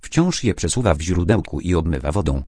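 A man's voice: sits low, very animated, fairly quick, mellow, no echo, clean studio sound. A man reading as a helpful, knowing cuckoo. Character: wise female cuckoo, helpful.

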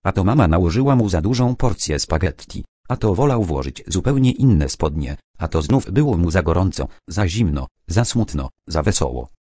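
A man narrating children's stories and poems aloud in a clear, even storytelling manner. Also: low voice, moderate pace, few pauses, dry recording, studio quality.

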